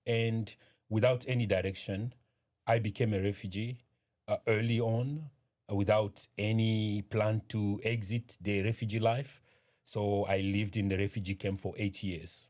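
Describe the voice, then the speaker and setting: A man from eastern Congo, speaking as a guest in an interview, measured and hesitant with many pauses and fillers. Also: fairly low pitch, steady tone, darkish tone. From Eastern Democratic Republic of Congo. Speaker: guest, community organization founder. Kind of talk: interview conversation.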